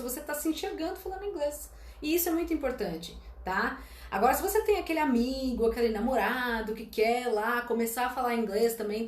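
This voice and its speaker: A woman's voice: fairly high pitch, echoey room. A woman in her late twenties, an English teacher and former flight attendant from Brazil, giving blunt career advice in a live-stream Q&A and constantly checking in with her audience. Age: late 20s. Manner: direct, emphatic, frequently checks in with "tá?" and "gente".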